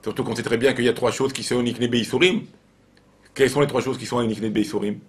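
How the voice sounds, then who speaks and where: Man, rabbi, informal Torah lesson, animated storytelling, repeats phrases. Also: mid-range voice, fast.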